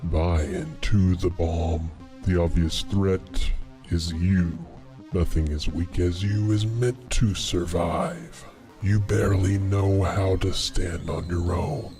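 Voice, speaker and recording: A man's voice: low-pitched, steady tone, takes it slowly, warm tone. A man voicing a menacing, godlike male ruler of darkness and consumption, scornful and domineering, over faint music. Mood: contemptuous. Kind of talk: dramatic spoken-word monologue.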